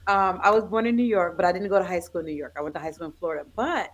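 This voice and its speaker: A woman's voice: on the low side, racing. An American woman hosting a podcast interview, chatty and enthusiastic as she asks questions. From United States. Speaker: podcast host.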